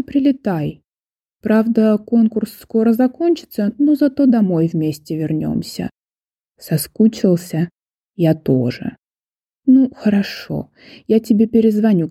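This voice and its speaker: A woman's voice: mid-range voice, dark tone, no room sound. A woman voicing a weary middle-aged jury chair. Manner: dry, tired, clipped. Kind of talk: audiobook reading.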